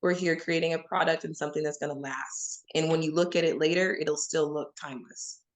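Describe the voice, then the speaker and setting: A woman from Oklahoma, appearing as an interview guest, answers candidly and emphatically, speaking straight to the audience and calling them y'all. Her voice sits low, with a steady tone and a brisk pace.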